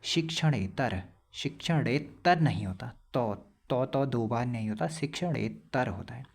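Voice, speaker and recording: A young man teaching a casual spelling lesson for exam prep, explaining plainly and repeating words slowly to correct them. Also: medium pitch, expressive, vocal fry, a little mellow.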